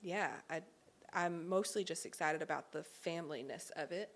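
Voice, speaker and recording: A woman's voice: on the low side, moderate pace. A young pregnant woman, a singer, answering interview questions openly and thoughtfully, a little out of breath. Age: young adult. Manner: open, thoughtful, light laughs, many ums. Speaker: guest, singer. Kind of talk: interview conversation.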